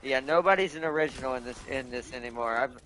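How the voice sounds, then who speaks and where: A man's voice: medium pitch, fast, fairly bright tone. A man hosting a gaming video with casual, rambling commentary, thinking aloud as he plays. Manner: rambling, thinking aloud about game lore.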